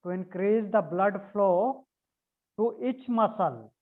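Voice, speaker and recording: A man teaches a yoga anatomy class over a video conference call, dictating notes, repeating phrases and spelling key words out letter by letter. His high voice is expressive and slow, and the call audio sounds narrow and phone-like.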